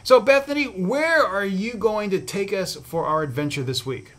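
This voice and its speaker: A man hosting a podcast in casual talk, chatty and jumping up loud and high when he addresses listeners or his guest. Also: expressive, moderate pace. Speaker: podcast host.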